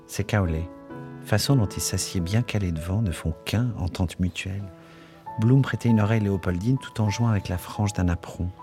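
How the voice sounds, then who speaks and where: A man with a very low voice reads a literary text aloud, measured and expressive. Soft music sits faintly underneath his narration. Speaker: audiobook narrator. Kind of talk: literary reading.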